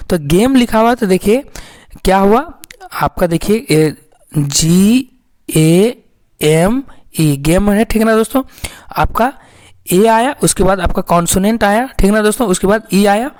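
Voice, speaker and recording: A woman teaches phonics at an even, unhurried pace. She spells each word out slowly and answers her own questions. She keeps turning to her viewers to check that they are following. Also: mid-range voice. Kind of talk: explaining a lesson to viewers.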